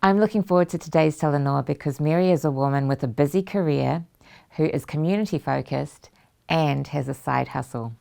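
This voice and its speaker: A woman presenting a scripted introduction as the host of a talk show, with a gravelly voice. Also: deep voice, fairly quick, darkish tone.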